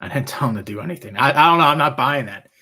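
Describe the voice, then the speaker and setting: A man's voice: medium pitch, lively intonation, quick pace, sharp tone. A man with trouble saying his R's, which sound like W's, chatting casually and answering viewer questions as a rambling, easygoing live stream host.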